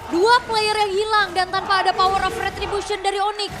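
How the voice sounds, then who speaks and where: A woman's voice: extremely high pitch, level tone, fairly quick, over a noisy crowd, heavy background noise. A woman working as an esports caster, explaining the plays in game commentary.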